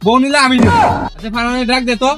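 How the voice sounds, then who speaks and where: Over loud music, a man speaks in a very high, steady voice with a rural Bangladeshi Bengali dialect. He plays a greedy, blustering village moneylender in a comedy skit, talking fast.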